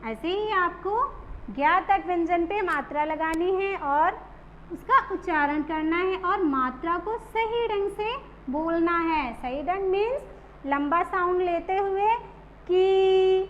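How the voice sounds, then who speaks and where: Very high-voiced woman teacher, slow and deliberate, stretching each word for young pupils; slightly muffled recording. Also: a bit bright, slight background noise. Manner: drawn-out, stressed pronunciation of example words. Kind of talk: children's phonics lesson.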